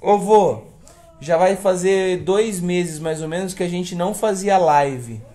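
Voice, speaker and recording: A man's voice: high voice, slow, mellow. A young man with a Brazilian accent, hosting a family live stream with casual, teasing chat in a living room. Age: young adult.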